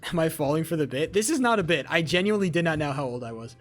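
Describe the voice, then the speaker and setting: A man's voice: a little high, expressive, fast, faint music behind. A man in his twenties chatting casually on a live stream, swearing freely and rambling back at his chat. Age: 20s.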